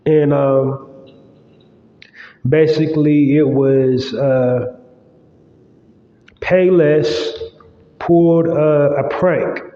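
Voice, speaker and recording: A podcast host delivers a casual solo monologue, rambling loosely with lots of fillers while his nose sounds stuffy and congested. His fairly high voice is steady and extremely slow, broken by long pauses, and the recording is roomy, echoing, and a little dull.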